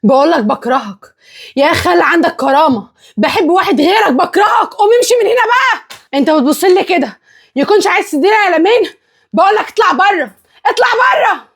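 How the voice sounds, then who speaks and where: A woman playing a defiant young woman with an Egyptian accent in an acted drama, swinging between shouting and calm denial. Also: very high-pitched, very fast. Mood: furious.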